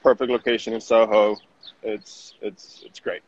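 Interviewed outdoors on a city street, this man from Venezuela, who directs digital marketing, chats informally and often starts his phrases over. He speaks on the low side with a level tone and moderate pace, captured in dull audio with faint background noise.

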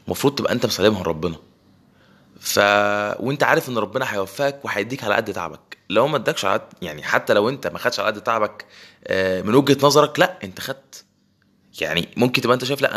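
A man's voice: fairly low pitch, fairly bright tone. A young man with an Egyptian accent giving a casual reflective monologue, mixing in English phrases and often restarting his words. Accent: Egyptian Arabic. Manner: rapid, mixes English phrases, frequent restarts.

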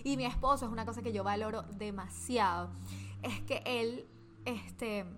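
An expressive woman chats on a podcast over a video call. Her voice sits a little high and she talks in animated bursts, peppered with slang and fillers. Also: normal speed, slight background noise. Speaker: podcast co-host. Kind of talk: casual chat.

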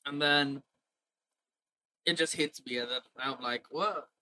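A young man from India co-hosting a podcast in casual comedic banter, animated, crude and full of swearing. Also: medium pitch, a little slow, clear, resonant tone, poor audio. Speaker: podcast co-host.

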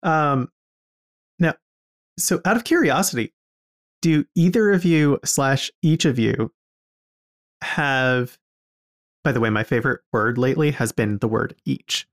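A podcast co-host of indeterminate-sounding sex speaking casually, in a halting and thoughtful way. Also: medium pitch, dry recording, studio quality. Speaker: podcast co-host and project co-director.

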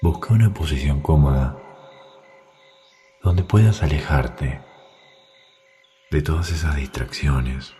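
A man, guiding a sleep meditation in a soft, soothing way, with faint music behind. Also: rumbling low, slow pace, pauses often. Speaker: meditation guide.

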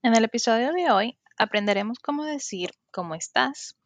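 A woman, teaching an English lesson on a podcast in a slow, careful way and modeling the words for learners. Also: fairly high pitch, animated. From Colombia. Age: 20s.

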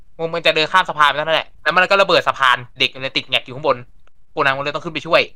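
A man's voice: a little high, racing, pushed and bright, no room sound. A man chatting casually as a podcast panelist, retelling plots at length and acting out lines. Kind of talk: casual chat.

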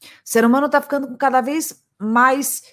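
A Brazilian woman psychologist speaks on a podcast in a slightly high voice. She thinks aloud, pausing and restarting as she builds her points. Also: fairly even intonation. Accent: Brazilian Portuguese. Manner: reflective, explains with many pauses and restarts. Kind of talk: casual podcast chat.

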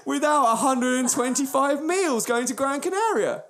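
A man's voice: very high-pitched, expressive, moderate pace, a bit bright, a little hiss or hum. A man with a British accent in casual comic banter as a podcast co-host, sweary and mock-indignant.

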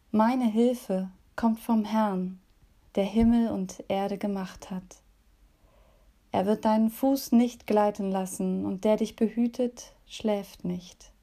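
Slow, gravelly woman leading a devotion. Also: mid-range voice. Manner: gentle, soft, at times whispered. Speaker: devotion leader and storyteller. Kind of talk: calm devotion with story reading.

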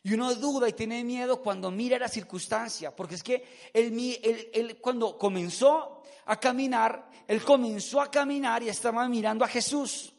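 High gravelly preacher. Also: male voice, moderate pace. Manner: animated storytelling, asks the congregation to repeat words. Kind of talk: sermon.

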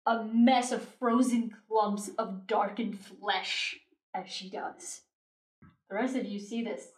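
A woman's voice: medium pitch, fairly even intonation, slow. A woman narrating a tabletop game as game master, describing the scene in vivid detail. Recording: roomy echo.

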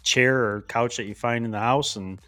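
A man's voice: medium pitch, fairly even intonation, moderate pace, sharp tone, no room sound. A man co-hosting a casual podcast, teasing and joking with his partner. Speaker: podcast co-host. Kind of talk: casual chat.

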